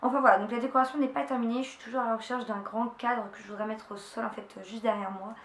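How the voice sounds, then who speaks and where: A woman's voice: a little high, steady tone, quick pace, fairly bright tone. A young woman chatting casually through a beauty haul, enthusiastic and full of fillers and restarts. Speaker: beauty vlogger. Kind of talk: casual haul video chat. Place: room at home. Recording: echoey room, faint ambience.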